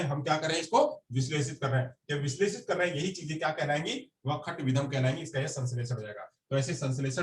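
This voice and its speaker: A man teaching a class, repeating each term and asking and answering his own questions. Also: a little high. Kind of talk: classroom lecture. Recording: echoey room, mic at a distance.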